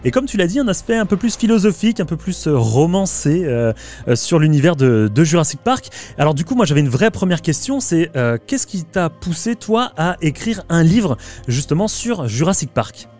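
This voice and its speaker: A man's voice: on the high side, sing-song, moderate pace, a little mellow, faint music behind. A young man hosting a casual video interview, chatty and hesitant with many fillers. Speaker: YouTube channel host.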